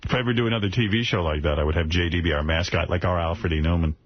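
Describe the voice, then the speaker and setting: A man hosting a crude talk radio show, blunt and mocking, quick to insult his guests. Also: low-pitched. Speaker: radio host. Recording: slightly muffled radio broadcast.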